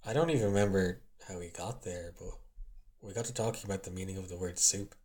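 A young man playing an awkward, lovestruck college student in an intimate audio role-play, stammering and halting as he makes a confession. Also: low-pitched, dark tone, natural voice. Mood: tender, wistful. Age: young adult.

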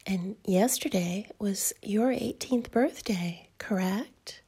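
Speaking at a medium pitch, a woman plays a teasing, doting adult female fairy in a whispered audio roleplay. She whispers softly and breathily at a slow, coaxing pace, exaggerating her voice.

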